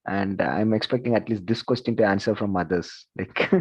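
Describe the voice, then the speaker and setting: A man's voice: on the low side, moderate pace, husky. Dull-sounding male lecturer. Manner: conversational, repeats "like" and "okay", asks the class questions. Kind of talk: online class lecture. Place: video call.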